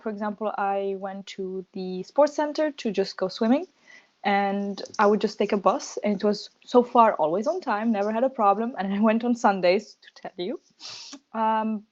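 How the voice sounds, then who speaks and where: A woman's voice: medium pitch, lo-fi sound. Young woman from Tunisia, laughing often. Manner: laughs often, hesitant with many fillers. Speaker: medical student interviewee. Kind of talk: casual interview chat.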